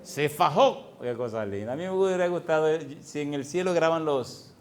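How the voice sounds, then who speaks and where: A male pastor preaching a sermon, swinging from hushed tones to loud bursts and firing rhetorical questions at the congregation. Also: on the high side, moderate pace.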